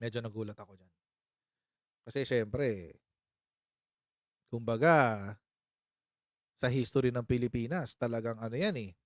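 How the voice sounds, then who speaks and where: A man's voice: mid-range voice, unhurried, pauses often, dry recording, clean studio sound. A man hosting a casual political commentary live stream, chatty and sarcastic, often breaking into laughter and mocking his critics. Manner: sarcastic, mock-impersonates critics.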